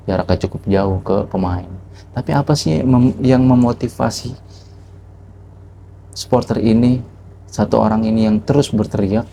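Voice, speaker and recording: Guy with a lowish mellow voice telling a calm life-lesson story, faint noise behind. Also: gravelly. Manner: calm, reflective, asks rhetorical questions. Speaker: vlogger. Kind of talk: reflective motivational storytelling.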